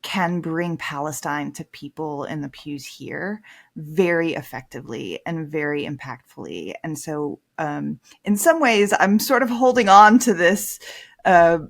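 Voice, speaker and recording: In a candid interview, a woman in her thirties who is a priest and author swings from soft reflection to emphatic stress. Her voice has a fairly low pitch.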